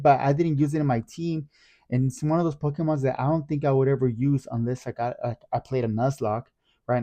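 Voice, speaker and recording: A man's voice: mid-range voice, warm tone. A man hosting his own collecting channel, chatting casually to camera in a rambling, enthusiastic way, often correcting himself.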